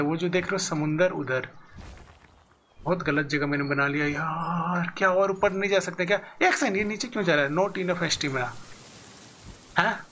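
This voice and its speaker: A man's voice: on the high side, pushed and bright, slight background noise. A man giving casual let's-play commentary as a gaming YouTuber, chatty, thinking aloud and talking straight to his viewers.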